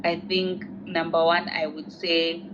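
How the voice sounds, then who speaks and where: A woman's voice: fairly low pitch, little pitch movement, unhurried, background noise. A young woman from Zambia answering interview questions in an earnest, reflective way. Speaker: interviewee, feminist advocate. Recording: dull lo-fi sound.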